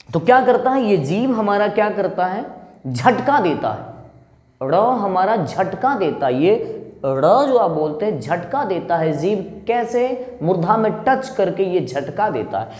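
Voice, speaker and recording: A man's voice: sits high, big pitch swings, a little mellow. Man teaching pronunciation, echoey room. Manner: slow, drawn-out demonstration of sounds. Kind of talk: pronunciation lesson. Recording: echoey room with long reverb.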